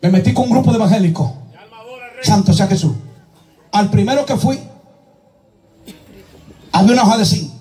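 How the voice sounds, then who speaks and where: A man's voice: high voice, expressive, normal speed, pauses often, distant mic. A man preaching a fiery sermon as an evangelist, calling out prayers and repeating praise refrains between his phrases. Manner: shouted exclamations and chanted deliverance prayers.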